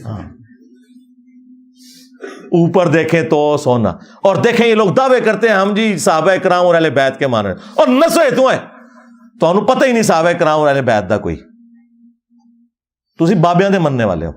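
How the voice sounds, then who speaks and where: Mocking man, higher voice. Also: very animated, pauses often. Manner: mocking, argumentative. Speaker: religious speaker. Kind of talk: critical religious talk.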